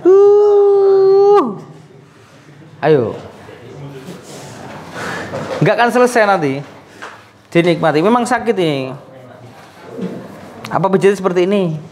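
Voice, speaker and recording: A man's voice: high voice, animated, a little slow, long pauses, a little hiss or hum. A man, a sports massage therapist who chats and coaxes his patient through a treatment, often laughing. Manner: chatty, coaxing, often laughing.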